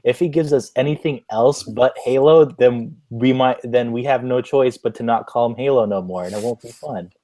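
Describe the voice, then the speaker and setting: A man's voice: mid-range voice, moderate pace, few pauses, mellow, no echo. A man chatting casually in a group voice call, laid-back and jokey. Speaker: dash cam channel guest.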